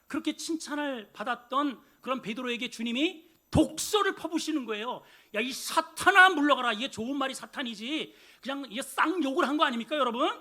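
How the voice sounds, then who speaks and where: Brief: male pastor, sermon, bright high voice, emphatic with playful asides. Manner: animated, emphatic, humorous asides to the congregation.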